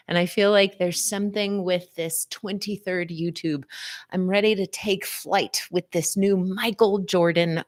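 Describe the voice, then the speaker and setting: A woman hosting a live wellness stream, talking straight to her viewers with playful wordplay and a sing-song, chatty manner. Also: on the low side.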